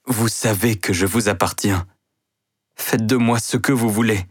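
A man's voice: fairly low pitch, unhurried, breathy edge, no echo, studio quality. A man playing a proud, passionate wealthy store owner who speaks sternly. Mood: tender.

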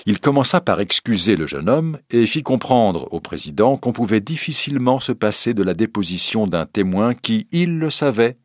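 A man narrating a novel chapter aloud in a measured storytelling manner. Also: fairly low pitch, dry recording, clean studio sound. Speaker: audiobook narrator. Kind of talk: scripted narration.

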